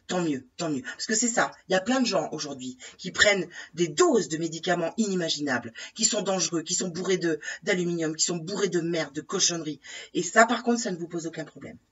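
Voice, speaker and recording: Her voice sits low with a breathy edge as this head-cold-afflicted vlogger addresses her followers in an exasperated, indignant rant, full of repetition, fillers, tag questions and pointed questions. The lo-fi recording is distant and dull.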